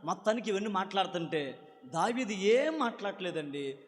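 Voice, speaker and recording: A male preacher giving an animated sermon, urging the congregation to call answers back loudly. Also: high voice, normal speed. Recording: long hall reverb.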